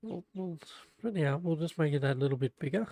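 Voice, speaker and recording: A young man livestreams himself building a Lego set, chatting casually in a fairly high, expressive voice that is a little fast, creaky and mellow. He's self-deprecating and stumbles as he reads the manual aloud.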